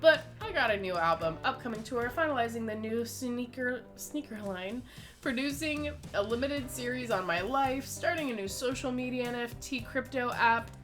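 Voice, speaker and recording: A woman's voice: on the high side, animated, moderate pace, fairly bright tone, faint music behind. Lady playing a laid-back bragging pop-star killer dude, slangy and cocky. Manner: boastful slangy patter. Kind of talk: dramatic game dialogue reading.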